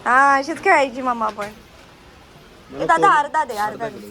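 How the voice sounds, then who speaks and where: A young woman's sharp, high-pitched voice comes through at normal speed as she vlogs while shopping. She coaxes and scolds her small child through a busy outdoor market and a shop, against noisy market sounds.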